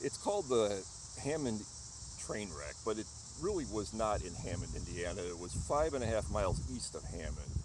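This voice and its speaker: A man, middle-aged, hosting an on-location vlog to camera outdoors, with a theatrical showman-like delivery and pauses, over wind and traffic. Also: lowish voice, big pitch swings. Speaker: vlog host. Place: outdoors in an open park-like cemetery. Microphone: camera at arm's length.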